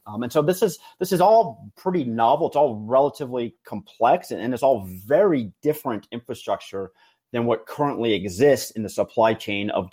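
A man hosting a podcast, explaining things conversationally with halting, repeated words. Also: on the low side, a little mellow. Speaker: podcast host.

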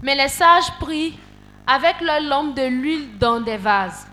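A woman reads scripture aloud in a steady, measured way. Her voice is high and bright. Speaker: scripture reader.

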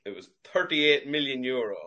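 A man as quiz master, reading sports questions at a measured, steady pace over a video call. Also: medium pitch, lo-fi sound.

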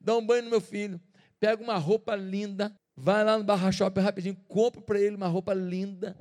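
A man's voice: high voice, animated, normal speed, vocal fry. A man voicing a loving father who welcomes his son back, speaking tenderly. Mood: joyful. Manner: tender and warm-hearted. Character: loving, joyful old father. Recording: reverberant church hall.

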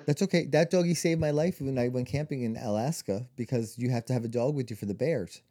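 A man's voice: medium pitch, fast talker, warm tone. A man in his forties, co-hosting a casual chat and telling long stories full of "like" and "you know.". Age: 40s. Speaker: podcast co-host.

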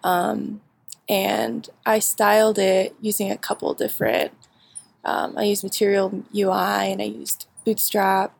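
Gravelly-voiced young woman, halting answers. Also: medium pitch, little pitch movement. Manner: halting, many fillers, laughs often. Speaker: bootcamp graduate. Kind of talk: casual interview answers.

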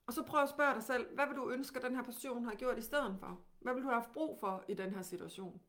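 A woman with a Danish accent teaching, who guides calmly and gently with many questions. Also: a little high.

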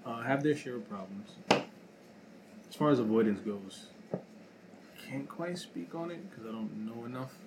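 A man's voice: mid-range voice, measured pace, long pauses. A man in casual podcast chat, thinking aloud with frequent fillers and hesitations. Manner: reflective, hesitant with many fillers. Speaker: podcast co-host. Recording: noisy room recording.

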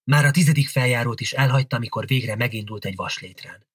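A man reading a novel aloud as an audiobook narrator, in a steady storytelling delivery. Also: mid-range voice, husky, no room sound, clean studio sound.

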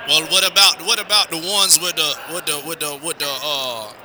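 A man's voice: a little high, a crowd in the background. A man playing a jailed uncle on a collect call. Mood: easygoing. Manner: halting, repeats words, slangy. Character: jailed uncle calling collect, laid-back, out of touch. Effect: collect call over a jail phone.

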